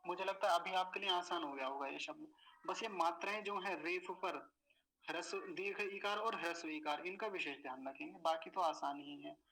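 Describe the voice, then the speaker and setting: A patient man teaching pronunciation, repeating each word slowly syllable by syllable. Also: fairly high pitch, creaky, sharp tone, slight background noise, rough recording. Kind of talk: slow pronunciation lesson.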